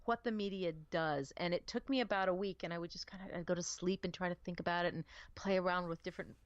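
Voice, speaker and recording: A woman co-hosting a casual talk radio show, animated and playful, acting out quoted voices with emphasis. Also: lowish voice, fast, no echo, muffled recording. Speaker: radio co-host.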